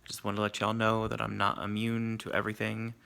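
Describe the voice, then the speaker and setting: A man's voice: lowish voice, completely flat delivery, fast, vocal fry, bright, forceful tone. A man, groggy and sore after surgery, talking in a casual, candid video diary with salty, self-deprecating asides. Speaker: vlogger.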